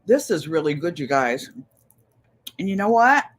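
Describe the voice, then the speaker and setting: A woman's voice: sits low, sing-song, normal speed. Chatty older woman hosting a craft livestream. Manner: chatty, reads viewer comments aloud, laughs easily. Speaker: craft channel host on a livestream. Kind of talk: casual livestream chat reading comments.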